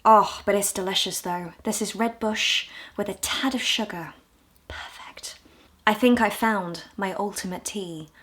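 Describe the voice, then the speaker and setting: A woman from the UK in her twenties, talking candidly and with self-deprecating humor in a casual vlog, her voice a little hoarse. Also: medium pitch, a little slow, fairly bright tone. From United Kingdom. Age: 20s. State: hoarse, low on voice. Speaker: vlogger.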